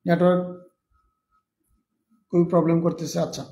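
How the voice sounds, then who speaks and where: Male English teacher, high and mellow, explaining and repeating examples on a live class. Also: flat delivery, moderate pace, roomy sound. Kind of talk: live online lesson.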